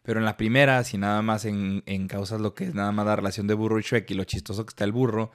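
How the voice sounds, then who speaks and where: A man's voice: lowish voice, fast talker. Slangy Mexican man hosting a podcast. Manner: animated, slangy, quotes lines in funny voices. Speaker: podcast co-host. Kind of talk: casual chat.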